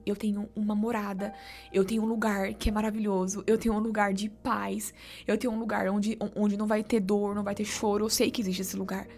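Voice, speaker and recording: Young Brazilian woman vlogger, gravelly voice, hushed heartfelt storytelling, faint music underneath. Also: mid-range voice. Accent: Brazilian Portuguese. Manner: soft-spoken, often drops to a whisper. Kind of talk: emotional personal storytelling.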